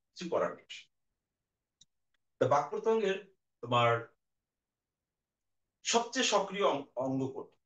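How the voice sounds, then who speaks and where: High-voiced man teaching in an echoey room. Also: a bit bright. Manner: explains slowly, demonstrates vowel sounds aloud; addresses students directly, patient. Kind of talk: recorded online class lecture. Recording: dull, echoey room audio.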